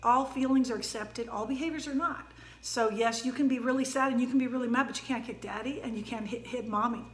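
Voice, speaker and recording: A woman parenting educator giving a calm, gentle talk with frequent fillers. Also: fairly high pitch, fast talker, few pauses, echoey room.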